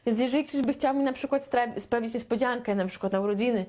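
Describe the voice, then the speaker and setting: A woman from Poland teaching a beginner English lesson, chatty and playful, stretching out her model sentences very slowly. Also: fairly high pitch, darkish tone. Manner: slow, deliberate, with very drawn-out model sentences; chatty and playful, with sound effects.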